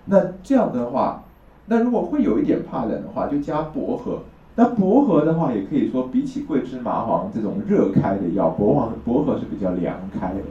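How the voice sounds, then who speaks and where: Brisk and mellow with a sing-song quality, a man's mid-range voice leads a traditional Chinese medicine classroom lecture. He goes step by step, frequently checking that his listeners agree, and the recording comes across as distant, roomy, and lo-fi.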